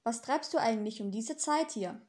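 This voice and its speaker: A woman voicing a gentle, earnest male angel in an audiobook, polite and easily hurt. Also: on the high side, lively intonation, moderate pace, lightly acted. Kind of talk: audiobook dialogue.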